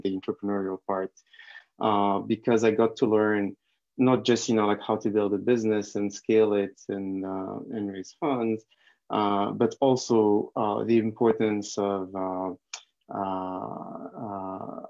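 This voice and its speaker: A man's voice: fairly low pitch, creaky, a little mellow. A man from Algeria, a founder, speaking on a panel over a video call in a hesitant way with many fillers. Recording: dull, lo-fi video call audio.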